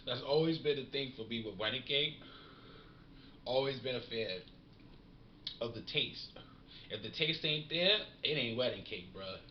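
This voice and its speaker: A man's voice: medium pitch, normal speed, long pauses. A man talking casually in slang while smoking and reviewing a cannabis strain. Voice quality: slangy, relaxed, savoring. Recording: roomy, dull lo-fi sound with faint noise.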